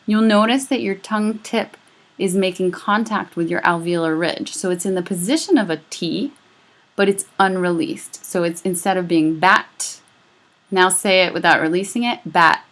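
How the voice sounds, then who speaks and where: Woman lecturing patiently, slightly low voice. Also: moderate pace. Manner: patient, explanatory, demonstrates speech sounds aloud. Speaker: instructor. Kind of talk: recorded lecture.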